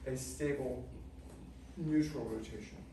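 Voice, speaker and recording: A middle-aged man giving measured, technical step-by-step exercise instruction in short phrases. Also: mid-range voice, mellow. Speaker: movement class instructor. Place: large indoor studio with treatment tables. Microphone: far camera microphone. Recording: distant mic, very echoey, noisy room.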